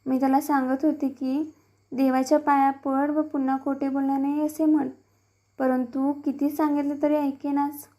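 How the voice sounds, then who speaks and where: Stern village mother scolding her boy, high voice held level, as a woman reader puts her on. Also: level tone, normal speed, dark tone, natural voice. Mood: firm. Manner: firm, scolding.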